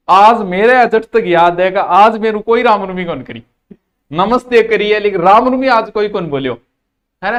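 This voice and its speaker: A man with a Rajasthani accent teaching a live exam-prep class. He drills key terms by repeating them. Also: sits high.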